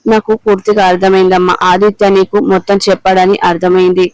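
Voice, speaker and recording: A man reading the lines of a remorseful middle-aged husband begging his wife to listen, in a flat, clear voice. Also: high voice, brisk, dry recording, close to an everyday voice, rough recording. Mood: pleading. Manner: pleading.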